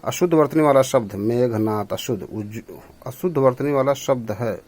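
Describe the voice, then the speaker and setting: Male teacher, mid-pitched, patient step-by-step explainer for exam prep. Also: moderate pace, darkish tone. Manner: explains step by step, checks answers aloud.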